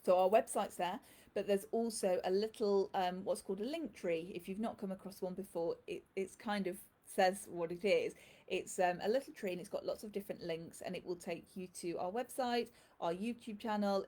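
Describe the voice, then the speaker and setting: Woman, live shop host, effusive and rambling, mid pitch. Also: moderate pace, dark tone. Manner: chatty and effusive, greets viewers by name. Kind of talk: casual live-stream chat.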